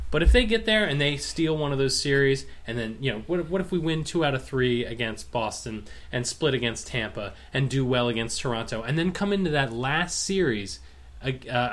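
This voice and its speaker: A man co-hosting a casual sports talk show, arguing his side and playing devil's advocate. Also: medium pitch. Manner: argumentative, plays devil's advocate. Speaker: co-host.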